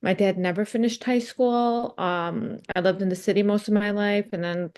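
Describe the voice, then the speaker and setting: A woman graduate student giving a straightforward, slightly hurried self-introduction in a group meeting. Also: medium pitch, fairly even intonation, a little mellow, clean tone.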